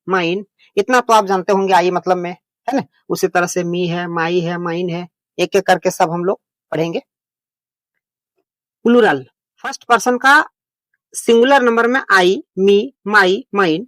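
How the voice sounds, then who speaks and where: A man's voice: sits high, a bit bright, dry recording. Patient, reassuring male English teacher. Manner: patient, repeats points, reassures learners often; plain homely way of explaining. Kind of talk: beginner lesson explained in Hindi.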